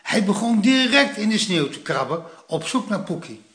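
A man reading a children's story aloud in a slow, expressive way. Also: high-pitched, reverberant.

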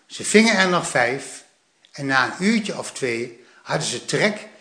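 A man reads a children's story aloud at an unhurried pace. His voice is bright, and his pitch moves in a lively way. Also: roomy sound.

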